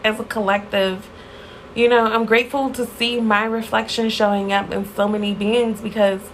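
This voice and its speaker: A woman's voice: mid-range voice, poor audio. Effusive woman podcaster, faint hiss. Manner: effusive and heartfelt, with many fillers and Southern-style y'all. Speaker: podcast host. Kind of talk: casual spiritual podcast monologue.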